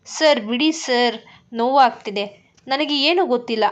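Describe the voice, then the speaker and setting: A woman's voice: on the high side, unhurried, natural voice. A woman voicing a frightened young woman who cries out and pleads. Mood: pleading. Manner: crying out, pleading.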